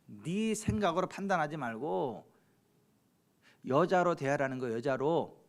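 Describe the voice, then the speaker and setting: A middle-aged Korean pastor preaching to his congregation, his fairly high voice leaping up and down with lively animation. He drops to soft asides, then climbs to loud calls, chuckling at his own stories and questioning the people in front of him. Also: unhurried, vocal fry. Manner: swings from quiet asides to loud exhortations; addresses the congregation directly with questions. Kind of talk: sermon. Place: church sanctuary at a late-night service.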